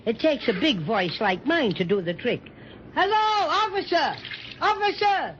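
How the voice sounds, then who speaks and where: A man's voice: extremely high pitch, sing-song, unhurried, a bit bright, heavily acted. A man playing a blustering, good-natured stuffed bear with folksy, boastful talk in a 1930s children's radio serial. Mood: bossy, blustering. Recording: dull, noisy 1930s radio recording.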